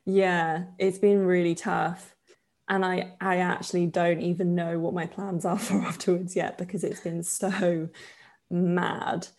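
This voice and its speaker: A woman in her twenties from Poland, talking as a podcast guest. Her voice sits low, with a gravelly fry and a dark, mellow tone. She chats loosely, full of fillers and easy laughter. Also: a little slow. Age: 20s. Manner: relaxed, chatty, laughs often, many fillers. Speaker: podcast guest, yoga teacher. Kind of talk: casual interview chat.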